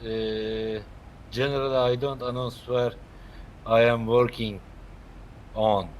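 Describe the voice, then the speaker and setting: Slow-talking jokey male streamer. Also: mid-range voice, steady tone, slight background noise. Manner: non-native English, jokey, loud at times. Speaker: flight simulator streamer. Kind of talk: casual live-stream chat.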